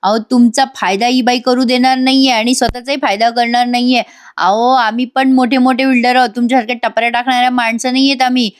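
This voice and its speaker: A woman's voice: a little high, fairly even intonation, quick pace, natural voice. A woman voicing a pushy male builder who bullies and threatens. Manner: scolding, bullying.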